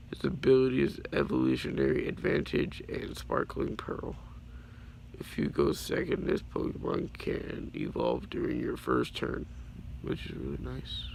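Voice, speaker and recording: In this casual card showcase, a teenage boy whose voice is raspy from illness walks through his trading cards on YouTube. He rambles, apologizes, and keeps stumbling over the names. The audio is low-quality home recording with some faint noise behind it.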